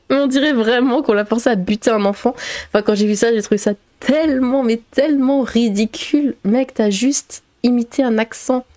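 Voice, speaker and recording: Woman streamer in casual, sarcastic commentary with hesitant fillers; warm mellow voice, dry recording. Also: fairly high pitch, dry recording. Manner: frequent 'euh' fillers, laughs between sarcastic remarks.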